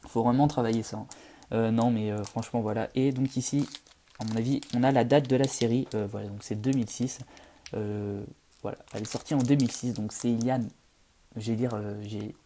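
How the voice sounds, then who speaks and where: A young man with a dark, mellow voice talks casually to his viewers while opening a card pack. He speaks haltingly, stopping and restarting often and padding his sentences with fillers. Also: mid-range voice, fairly even intonation, a little hiss or hum. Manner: hesitant, halting, full of fillers. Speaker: card collector vlogger. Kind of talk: casual unboxing chat.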